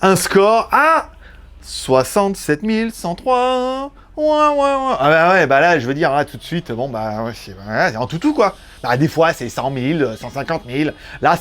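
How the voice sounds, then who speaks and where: A man's voice: a little high, lively intonation, brisk, few pauses, fairly bright tone. A man casually reviewing a smartphone, chatty and joking, with plenty of fillers and asides. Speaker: tech reviewer.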